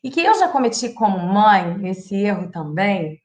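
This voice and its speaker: A woman's voice: medium pitch, big pitch swings, measured pace, a little mellow, echoey room. A Brazilian woman in her thirties, a psychologist giving parenting advice on a live stream in a chatty, direct way. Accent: Brazilian Portuguese. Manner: chatty and direct, acts out sample phrases to children.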